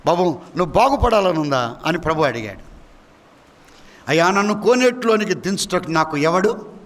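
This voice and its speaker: A male pastor preaching a sermon, swinging between loud, high emphatic rises and sudden low drops. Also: animated, normal speed. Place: church.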